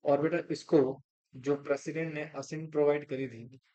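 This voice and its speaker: A man's voice: on the high side, fairly even intonation, moderate pace, warm tone. A male teacher giving a classroom lecture in Hindi, often asking students questions and repeating the answers himself. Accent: Indian English.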